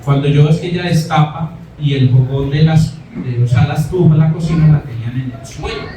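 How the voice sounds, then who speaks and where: A man's voice: on the high side, fairly quick, mellow, slight background noise. A man preaching a sermon, telling a personal story in a conversational way and often asking "¿cierto?". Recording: echoey room, mic far off.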